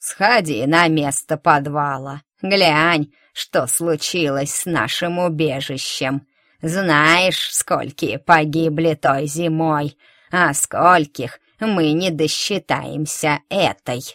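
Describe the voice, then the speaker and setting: Woman reader putting on a bitter toothless crone for a storybook, slow and loud, a touch low. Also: no room sound, clean studio sound. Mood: scolding. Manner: slow, loud, drawn-out scolding. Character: spiteful toothless old woman flower-seller, bitter.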